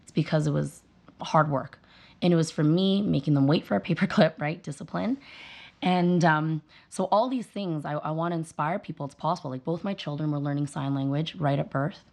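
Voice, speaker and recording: A woman's voice: low voice, fairly quick, creaky. A woman in her thirties, a mother being interviewed, telling earnest stories and acting out the dialogue. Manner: earnest, animated storytelling with quoted dialogue. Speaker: guest, mother and dental hygienist. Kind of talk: casual interview conversation.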